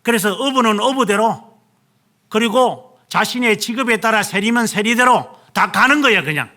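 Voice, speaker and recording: A man's voice: sits high, expressive, moderate pace, pushed and bright. A male pastor preaching a sermon, retelling scripture dramatically and acting out quoted lines. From South Korea.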